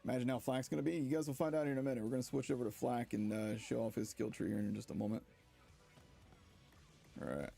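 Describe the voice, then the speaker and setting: Excitable male streamer, gravelly voice, faint music under it. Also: mid-range voice, fast. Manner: excited, laughing, talks to viewers. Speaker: game streamer. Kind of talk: live gameplay commentary.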